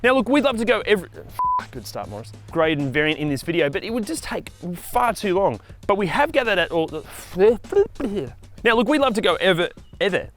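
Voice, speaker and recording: Lively Australian man presenting a car review. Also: sits high, normal speed, soft background music. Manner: upbeat and animated, swears when fluffing lines. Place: outdoors beside a car.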